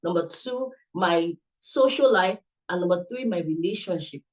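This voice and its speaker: In an animated voice that sits high and moves at a moderate pace, a man coaches directly and earnestly during a motivational talk at an online summit. He repeats himself often and speaks through a computer mic on a video call.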